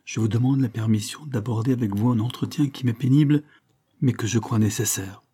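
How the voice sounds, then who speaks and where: A man's voice: mid-range voice, brisk, mellow, breathy edge, natural voice. A man reading the part of a resolute young woman refusing a suitor, in an earnest, formal manner. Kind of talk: audiobook reading.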